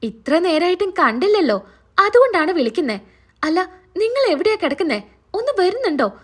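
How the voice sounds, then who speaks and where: A woman's voice: very high-pitched, very animated, moderate pace. A woman voicing a panicked, scheming middle-aged wife urging her husband to flee. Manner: urgent, scolding on the phone.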